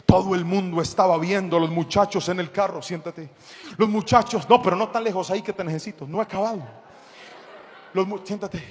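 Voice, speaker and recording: Animated preaching man, echoing hall. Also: high voice, a little fast. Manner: animated, shouts in reenacted dialogue, jokes with the audience. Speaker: pastor. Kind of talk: sermon storytelling. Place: church hall before a congregation. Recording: long hall reverb.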